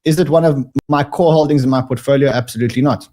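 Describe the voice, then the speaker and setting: A man's voice: medium pitch, quick pace, warm tone. A man speaking as a guest over a video call, his audio clipping and distorted, emphatic and often repeating words as he restarts. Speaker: guest commentator. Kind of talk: remote interview discussion.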